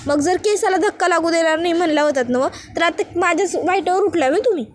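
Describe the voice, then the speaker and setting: An outspoken young village wife, as a woman storyteller puts her on, coaxing and insistent in rustic country speech. The voice sits high and bright, with a faint hiss of noise underneath. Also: fast talker. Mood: pleading, insistent.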